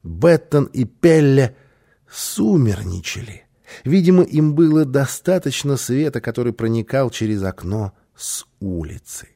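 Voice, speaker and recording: A man narrates a children's storybook with a gravelly, husky voice. His delivery is dramatic and his pitch swings widely, sinking almost to a whisper at tense moments. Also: sing-song, unhurried, dark tone. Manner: dramatic, drops to near whisper for suspense. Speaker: audiobook narrator.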